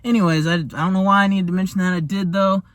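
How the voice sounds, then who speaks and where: Young male food vlogger, high-pitched, excitable and slangy, chatting between bites. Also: fast. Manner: talks while eating. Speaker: food reviewer. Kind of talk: casual taste-test vlog.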